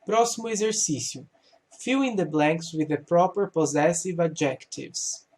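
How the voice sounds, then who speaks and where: Man, english teacher, slow unhurried delivery, patient, self-questioning explanations. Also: a little high, darkish tone. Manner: patient, explains slowly, asks and answers his own questions. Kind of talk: step-by-step grammar lesson.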